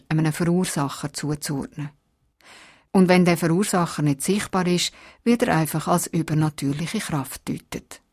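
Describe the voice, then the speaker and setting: A woman, reading a scripted radio feature in a calm, explanatory way. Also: lowish voice, dry recording, studio quality. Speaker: radio reporter.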